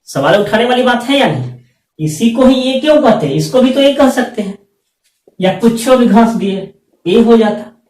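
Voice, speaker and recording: A man's voice: very high voice, expressive, moderate pace, darkish tone. A man teaching math at a board, asking rhetorical questions and repeating them. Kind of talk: classroom lecture at a board. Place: classroom with a whiteboard. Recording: echoey room, speaker far from mic.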